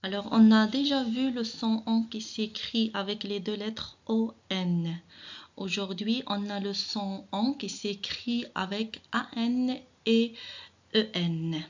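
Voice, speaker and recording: A woman teacher giving an early reading lesson, speaking directly to children, encouraging them and sounding out syllables slowly and deliberately. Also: mid-range voice, highs cut off. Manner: slow, drawn-out syllable-by-syllable reading. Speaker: primary school teacher.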